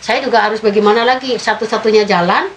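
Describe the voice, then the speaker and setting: A woman in her fifties giving a personal faith testimony in an interview, telling her story in a halting way with many filler sounds. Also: on the high side, a little hiss or hum, poor audio. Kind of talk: personal testimony told in conversation.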